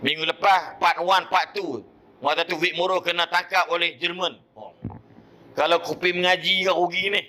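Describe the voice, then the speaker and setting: Speaking at a normal pace in a high-pitched voice, this Malaysian Malay-accented man preaches in a mosque. He brings the sermon to life with vivid stories and voices for the characters.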